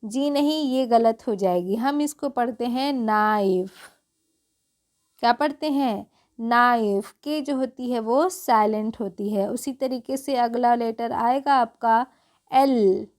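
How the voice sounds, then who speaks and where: A high-pitched woman with a Hindi accent gives a beginner's phonics lesson. She speaks slowly, spelling out each word one letter at a time. Then she poses a question and answers it herself. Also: dark tone. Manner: spells words letter by letter, asks and answers her own questions. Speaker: English teacher.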